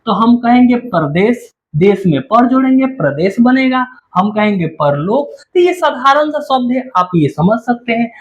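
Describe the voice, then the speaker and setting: A man's voice: very high voice, big pitch swings, normal speed, lo-fi sound, a little hiss or hum. A man teaching Hindi grammar in a classroom lecture, who asks questions and answers them himself and keeps calling the listener 'babu'.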